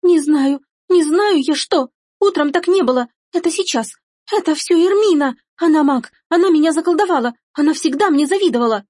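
Lady doing a whiny spoiled young noble girl, high and shrill, lies a lot, husky voice. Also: lively intonation, quick pace, darkish tone, no echo, studio quality. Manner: shrill, whining, shrieking.

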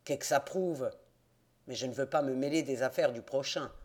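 A man reading an audiobook, voicing a gruff, hostile male innkeeper in the countryside who growls his words in rustic speech. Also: mid-range voice, moderate pace, a little mellow, pitched below the performer's own voice, lightly acted.

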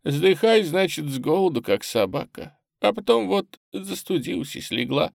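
Audiobook casting: a man doing a frail old widow, plaintive and grateful, raised pitch, dry close sound. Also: very animated, normal speed, gravelly, no echo, heavily acted. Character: poor sick elderly widow, grateful.

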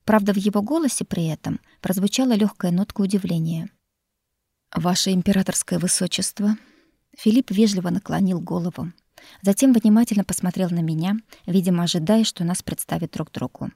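A woman reading a first-person novel aloud in an expressive, wry storytelling manner. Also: on the low side, brisk, gravelly, husky, no room sound, clean studio sound. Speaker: audiobook narrator. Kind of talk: first-person audiobook narration.

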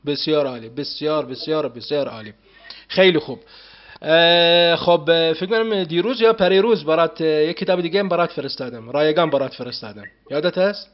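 Encouraging teacher host, lo-fi. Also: male voice, fairly high pitch. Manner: encouraging, quick affirmations. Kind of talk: casual interview.

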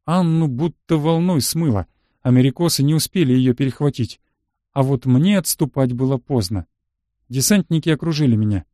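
A man's voice: mid-range voice, normal speed, dark tone, no echo, clean studio sound. A man reading a first-person action story aloud in a terse, matter-of-fact manner. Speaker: audiobook narrator. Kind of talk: scripted first-person narration.

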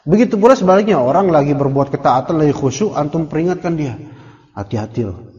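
Brief: male religious teacher, relaxed and joking, dark mellow tone, dull lo-fi hall recording. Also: fairly high pitch, fast talker. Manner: joking, conversational, mixes Arabic terms. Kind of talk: casual religious study lecture.

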